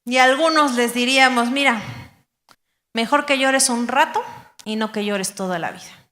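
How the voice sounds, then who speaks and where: A woman pastor delivers a lively sermon from the pulpit, slipping into quoted voices of believers. Her voice sits high and bright. The live church recording carries a long hall reverb. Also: normal speed. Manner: animated preaching, acting out quoted voices of believers.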